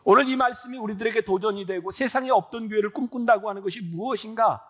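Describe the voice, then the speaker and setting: A man's voice: high-pitched, quick pace, a bit bright. A pastor in his sixties preaching a sermon in an earnest, conversational way, often asking the congregation questions. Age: 60s.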